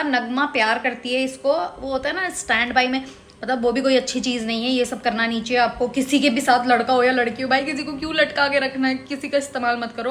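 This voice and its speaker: A woman's voice: high voice, fairly bright tone. A young woman giving a casual, opinionated reaction review of a reality show, often laughing and mimicking people.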